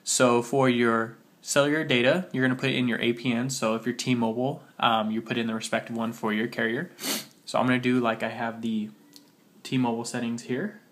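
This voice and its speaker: A tutorial host who has a cold gives a casual step-by-step phone tutorial, sounding slightly muffled. He talks as he works on the phone, spelling things out slowly, and his mid-range voice keeps a level tone.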